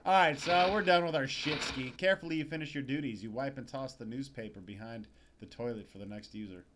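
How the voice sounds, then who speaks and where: A man with a medium-pitched, fairly bright voice talks quickly as he plays through a video game, reading its text aloud in a casual, sardonic, foul-mouthed way. Game music plays behind him, with slight background noise.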